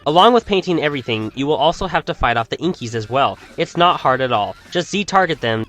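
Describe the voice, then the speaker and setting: A man's voice: a little high, fairly bright tone. Upbeat man reviewing a video game. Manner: upbeat, enthusiastic.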